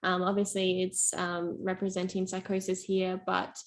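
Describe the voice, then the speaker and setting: A woman's voice: on the low side, monotone, moderate pace. A young woman presenting a youth mental health workshop, explaining in an encouraging tone with fillers.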